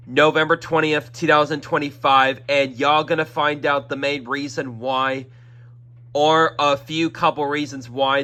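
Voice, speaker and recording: A young man makes a rambling, casual announcement on his own YouTube channel, his slightly high voice sharp, clear, and resonant despite a congested throat and occasional coughing. He's repetitive, circling back with fillers like "that is" and "y'all".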